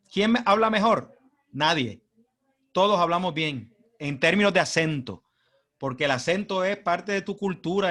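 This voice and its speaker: A man with a Puerto Rican accent gives an informal presentation to a club meeting, his voice pitched a little above the usual for men. He talks in a humorous, conversational way and often throws rhetorical questions at his listeners. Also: a bit bright. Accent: Puerto Rican Spanish. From Puerto Rico. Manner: humorous, chatty, asks the audience rhetorical questions. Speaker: guest speaker at a club meeting.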